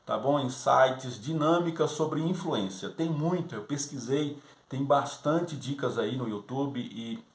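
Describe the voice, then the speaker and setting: A man talks fellow teachers through a Sunday school lesson, easygoing and conversational. His voice sits at a middle pitch and often checks in with a quick "right?". The room around him is echoey. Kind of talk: teaching tips for youth class teachers.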